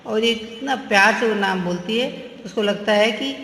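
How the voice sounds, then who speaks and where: A woman's voice: medium pitch, normal speed, fairly bright tone. A woman teacher explaining a story to her class, glossing words in English and acting out the characters' lines. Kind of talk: Hindi literature lesson, retelling a story with acted dialogue. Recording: echoey room with faint ambient noise.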